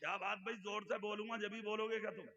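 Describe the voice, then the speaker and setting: This is a man preaching an Islamic sermon at an outdoor gathering, with a North Indian Urdu accent. His voice is very high, gravelly and bright, and he chants repeated lines before falling to a soft, close tone. The recording is muffled, like sound taken off an event sound system. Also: little pitch movement, fast. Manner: swings from shouted oratory to soft intimate talk; sing-song rhythmic repetition.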